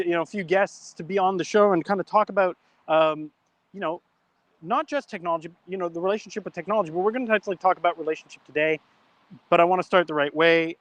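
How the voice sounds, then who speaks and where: A man with a voice on the high side hosts a live talk show, recorded with no echo. He speaks casually, restarting and stumbling often, and tells a long joke in an easygoing, chatty, self-correcting storytelling style.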